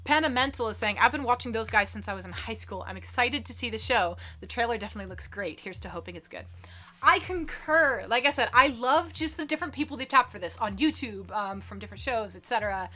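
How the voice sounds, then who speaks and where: Woman streamer just chatting w viewers, lots of ums, kinda high bright voice. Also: expressive, fast. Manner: chatty, filler-heavy, reads out viewer comments. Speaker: livestream entertainment news host. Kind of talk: casual live-stream chat.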